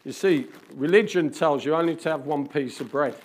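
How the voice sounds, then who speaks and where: Chatty preacher, slightly high voice. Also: male voice, moderate pace. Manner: chatty, teasing the congregation by name; swings between loud calls and quiet asides. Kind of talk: informal sermon. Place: church hall among a congregation.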